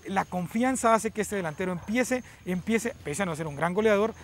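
Fast, high-pitched Colombian man talking football. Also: animated. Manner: repeats words and phrases. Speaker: sports show co-host and analyst. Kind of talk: football discussion. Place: outdoors at night. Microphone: lapel mic, speaking through face mask.

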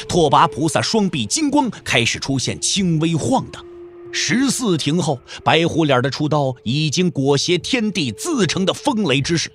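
Over background music, a man narrates a martial arts novel as a scripted audio drama. His fairly high, slightly bright voice carries an emphatic, suspenseful storytelling delivery.

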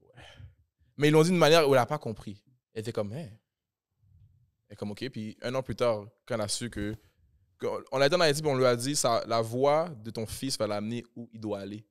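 A man's voice: medium pitch, fast, smooth, no echo, clean studio sound. A man, a podcast guest chatting casually and acting out his family's lines as he tells stories. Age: 20s. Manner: animated storyteller, acting out family members' lines; mixes in English phrases mid-sentence. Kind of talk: casual chat.

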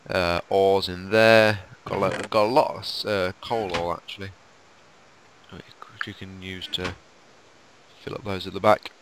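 Sleepy, croaky man. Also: low voice, flat delivery, unhurried, fairly bright tone, slight background noise. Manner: chatty, tour-guide rundown with fillers. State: sleepy, croaky late-night voice. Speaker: let's play co-host. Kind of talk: casual gameplay commentary.

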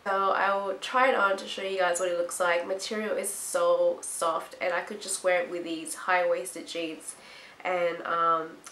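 Low-pitched, congested nasal young woman. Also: a bit bright. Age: young adult. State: sick with blocked nose and itchy throat. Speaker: fashion haul vlogger. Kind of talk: casual chat to camera. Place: small hard-walled room indoors. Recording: roomy echo, faint background noise.

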